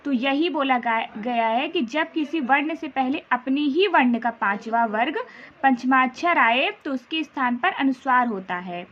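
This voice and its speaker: A woman teacher with a high voice walks young pupils through a lesson at a slow, deliberate pace. She repeats points and sounds out syllables one by one. The recording is dull and lo-fi. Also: lively intonation, fairly bright tone. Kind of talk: explaining a school lesson.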